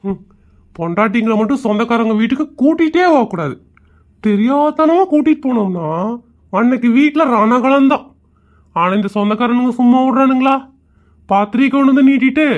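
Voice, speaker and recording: A man's voice: extremely high pitch, a little fast. A man performing a teasing, mocking husband in a comedy sketch. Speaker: comic sketch actor playing a husband. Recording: dull lo-fi audio.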